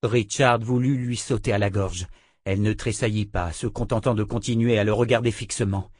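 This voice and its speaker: A man narrating a fantasy audiobook in a measured, dramatic reading. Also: fairly low pitch, fairly even intonation, a little mellow, no echo, clean studio sound.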